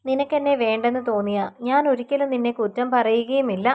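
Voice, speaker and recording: A woman's voice: a little high, brisk, natural voice. A woman voicing a tender young man in love. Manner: soft, gentle, teasing.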